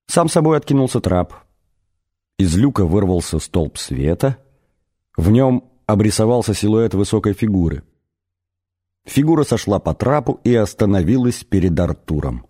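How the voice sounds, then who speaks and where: Lively low-voiced male audiobook narrator. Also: moderate pace, breathy edge. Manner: expressive, ironic storytelling.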